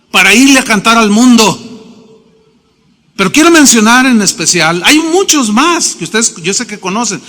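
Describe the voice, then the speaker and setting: A man's voice: high-pitched, bright, forceful tone. A middle-aged man preaching a sermon, telling stories emphatically and acting out the quotes himself. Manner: emphatic, storytelling with acted quotes. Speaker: pastor. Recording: long reverb of a hall.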